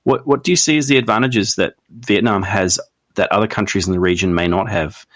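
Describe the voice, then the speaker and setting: A man's voice: on the low side, a little fast, no room sound. A man hosting an interview, asking questions conversationally. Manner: conversational, short agreements. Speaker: podcast host.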